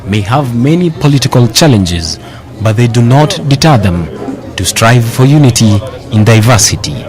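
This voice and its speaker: A man reading scripted documentary voice-over narration in a formal, measured way. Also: medium pitch, animated, crowd noise.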